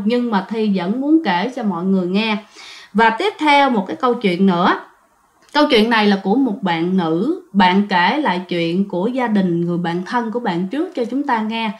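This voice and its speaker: A woman, telling ghost stories in a chatty way and talking straight to her listeners. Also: a little high. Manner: chatty, addresses listeners directly. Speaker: storyteller. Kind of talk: casual ghost-story narration.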